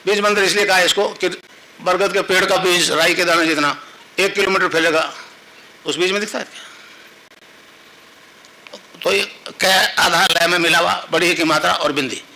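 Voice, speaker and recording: A man with a high, bright voice leads a devotional discourse. He teaches in an instructive tone, tells stories and chants a short mantra for his listeners to repeat. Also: rough recording. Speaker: spiritual teacher.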